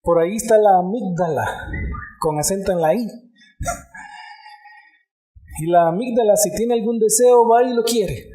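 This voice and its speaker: A man's voice: high voice, fairly quick, dark tone, echoey room. A male pastor preaching a sermon, calling "amén" often and speaking straight to the congregation. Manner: preaching with frequent "amén" and direct address to the congregation.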